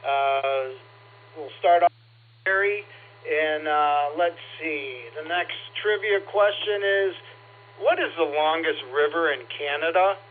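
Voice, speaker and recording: A man running a ham radio net, his slightly high voice coming through a narrow, tinny two-way radio band. Faint static and hum sit under his easygoing talk. He fills the gaps with small pauses as he welcomes callers and hands out trivia. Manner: easygoing, frequent "uh" pauses, friendly trivia quizzing. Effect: heard over two-way radio with faint static. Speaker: amateur radio net control operator.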